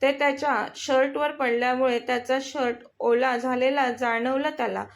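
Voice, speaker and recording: Give me a high-pitched woman narrating a story steadily. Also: fairly even intonation, normal speed. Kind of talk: scripted narration.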